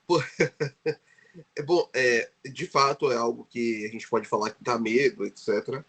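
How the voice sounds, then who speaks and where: A Brazilian man, a guest researcher on a podcast interview, speaks Portuguese with a Brazilian accent. His voice is medium in pitch and fairly bright with a breathy edge, and his intonation stays fairly even as he talks slowly. He sounds hesitant, with many fillers and restarts.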